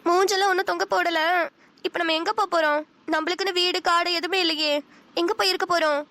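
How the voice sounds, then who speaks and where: A woman voicing a gentle, anxious young bride in a cartoon, speaking softly and pleadingly. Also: very high voice, steady tone, fast, dry recording, exaggerated voice. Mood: worried. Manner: soft, worried, pleading. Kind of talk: cartoon voice acting.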